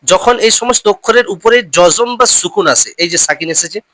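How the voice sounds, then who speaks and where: A man teaches Quran recitation in a bright, fairly high voice. He explains each rule patiently, then recites drawn-out Arabic examples. The recording is close and dry. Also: dry recording. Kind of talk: step-by-step recitation lesson.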